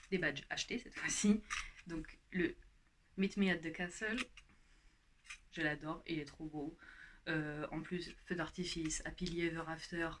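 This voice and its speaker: A woman's voice: on the low side, fairly bright tone, slight background noise. A young woman chatting casually through a haul vlog, with many fillers and restarts. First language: French. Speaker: YouTuber showing her haul.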